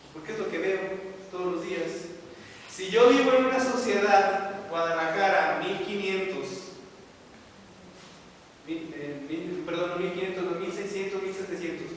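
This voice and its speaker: A man teaching a class, telling stories and asking his listeners questions. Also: sits high. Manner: storytelling, asks the audience questions. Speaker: religious teacher. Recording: echoey hall, mic far off, hiss.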